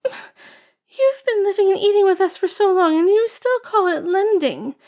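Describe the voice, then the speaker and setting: A woman reading an audiobook and voicing a tearful, stubborn young girl who pleads and whines in a high, sobbing voice. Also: steady tone, normal speed. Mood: whiny, wailing. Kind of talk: audiobook character voice.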